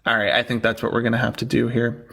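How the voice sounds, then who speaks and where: A man's voice: mid-range voice, flat delivery, fast talker, creaky, bright, forceful tone. A man hosting a live-stream debate, mocking and domineering, talking over his guest.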